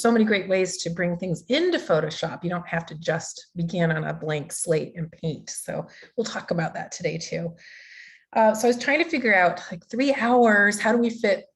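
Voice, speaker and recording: A woman's voice: on the low side, moderate pace. Chatty woman teaching over a video call. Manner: chatty, loose, with many fillers and restarts. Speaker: digital art instructor. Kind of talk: live online workshop teaching.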